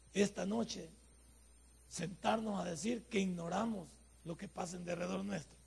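Male pastor, high raspy voice, folksy preacher who acts out little dialogues. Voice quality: gravelly, raspy. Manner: folksy preaching with acted-out quotes and rhetorical questions. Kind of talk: sermon.

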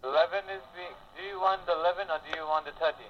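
A man on the other end of a phone call, pitching tech support and ending his phrases with a repeated "okay?". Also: fairly even intonation, rapid-fire. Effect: heard over the phone. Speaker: caller posing as tech support. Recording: muffled phone line with faint hiss.

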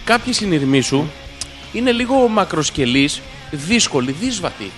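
A man co-hosting a podcast in casual banter, mock-pompous and deadpan in his jokes. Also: on the high side, faint music behind. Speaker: podcast co-host.

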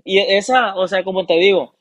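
A young man, chatting casually as a guest musician, relaxed and full of fillers. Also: high-pitched, normal speed, dry recording, dull audio. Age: young adult. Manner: relaxed, slangy storytelling with many fillers. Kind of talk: casual interview chat.

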